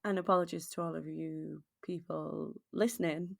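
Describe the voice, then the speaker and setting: A woman in her thirties co-hosts a casual podcast. She sounds playful and laughs often. Her voice is a bit low and gravelly. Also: steady tone, moderate pace. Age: 30s. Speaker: podcast co-host. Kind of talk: casual chat.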